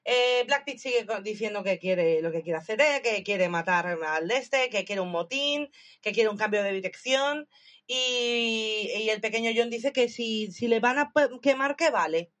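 A woman in casual chat, recapping a show with animated retellings, acting out the lines and swearing freely. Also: a little high, a little slow.

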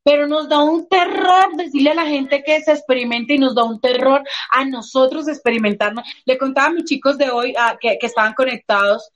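A woman's voice: sits high, fairly quick, hardly any pauses. A woman coach talking casually in an interview, telling stories and acting out what people say. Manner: expressive storyteller, acts out quoted voices. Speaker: emotional coach.

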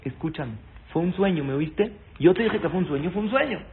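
A man's voice: high voice, animated, brisk. A man quoting an insistent rabbinic sage. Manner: insistent, repeating himself. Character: firm rabbinic sage advising a young husband. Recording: tinny phone-like sound, faint noise.

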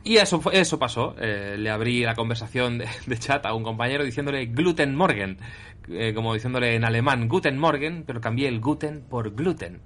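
A man, talking in an easygoing podcast chat at a middle pitch. He tells jokes on himself, loose and self-deprecating, with the rhythm of relaxed banter. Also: a little fast. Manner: joking, self-deprecating storyteller. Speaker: podcast co-host.

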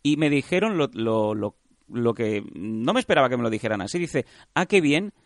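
Calm Catalan-accented man. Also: medium pitch, normal speed, dry recording, clean studio sound. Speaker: podcast co-host. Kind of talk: casual chat.

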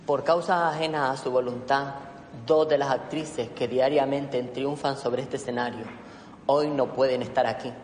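A man's voice: mid-range voice, fairly even intonation, normal speed, darkish tone, close to an everyday voice. Man playing reverberant, apologetic theatre presenter. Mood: apologetic, coaxing. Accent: Spain. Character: apologetic male theatre presenter promising to entertain. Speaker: theatre announcer. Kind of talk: theatrical stage address. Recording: long hall reverb, faint noise.

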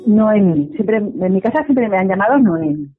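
A mindfulness teacher appears as a guest in a radio interview, speaking in a medium-pitched, animated voice at a moderate pace. She explains things reflectively and often checks for agreement at the end of phrases. The radio sound is dull and lo-fi, with faint music behind her.

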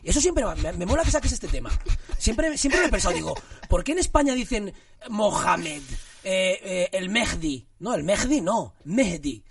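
A young man with a gravelly voice pitched somewhat high, teasing and joking in a relaxed podcast chat. He sits a little back from the microphone. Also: fairly quick, distant mic.

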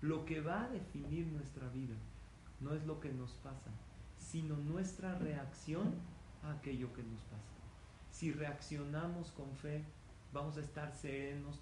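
A man giving a religious lecture, telling stories with energy and putting questions to his audience. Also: a little high. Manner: lively storytelling, asks the audience questions. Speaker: rabbi lecturer. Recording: roomy hall with faint noise.

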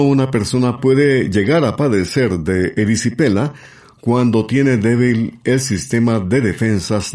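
A man with a fairly low voice reads health information for a radio program. His delivery is calm and measured, like scripted narration.

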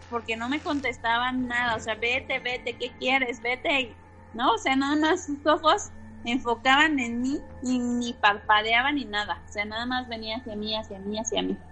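Woman, interviewee, bright slightly high voice, rambling storyteller heavy on fillers. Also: normal speed, faint music behind. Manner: rambling, repeats words, many fillers. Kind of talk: telling a personal story.

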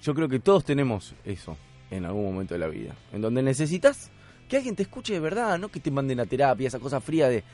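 A man's voice: medium pitch, very animated, fast, a little mellow, soft background music. A man with a Rioplatense Spanish accent, hosting a casual comedic chat as a playful, rambling storyteller. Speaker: podcast host.

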